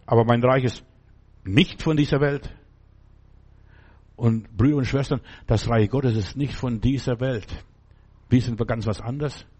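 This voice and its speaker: A man's voice: mid-range voice, a little slow, pauses often, dark tone, husky. A man preaching a sermon, talking straight to the listener and asking again and again whether they understand. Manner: speaks to the listener directly with repeated questions; emphatic, fervent preaching.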